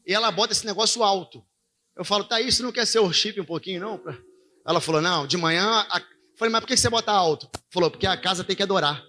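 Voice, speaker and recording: A man's voice: high-pitched, fast, pushed and bright. A married man preaching a sermon, telling a story to his congregation in a conversational way and calling listeners brother and pastor. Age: adult, married father.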